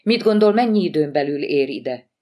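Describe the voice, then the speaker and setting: A woman voicing a calm, formal woman social worker on the phone, in an audiobook. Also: low voice.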